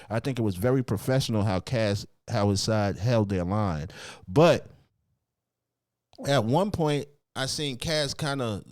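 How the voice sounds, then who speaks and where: A man's voice: lowish voice, no echo, clean studio sound. A man hosting a casual event recap, talking informally in street slang and rambling through his retelling. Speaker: host, event commentator.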